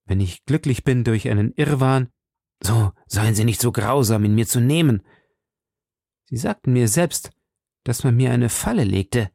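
A man's voice: mid-range voice, animated, measured pace, vocal fry, warm tone, dry recording, studio quality. A man reading an audiobook, voicing a fatalistic, lovesick duke with earnest devotion.

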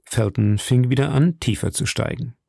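A man reading a classic adventure novel aloud in slow, measured scripted narration. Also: medium pitch, gravelly, dark tone, no room sound, clean studio sound. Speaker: audiobook narrator.

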